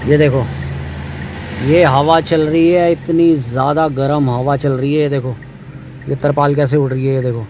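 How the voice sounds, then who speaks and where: A man's voice: on the high side, fairly even intonation, moderate pace, darkish tone. A middle-aged man from India narrating a casual travel vlog, chatty, talking to viewers as guys and brother while filming on a phone. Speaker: vlogger. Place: car on a hot highway and clinic. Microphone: phone camera held by the filmer. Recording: phone audio with outdoor noise.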